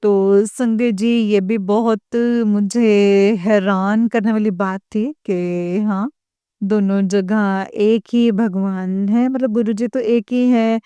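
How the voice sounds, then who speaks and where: A woman sharing a devotional testimony in a halting storytelling manner, often stopping to address her listeners respectfully. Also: mid-range voice, steady tone, mellow, clear, resonant tone, no room sound.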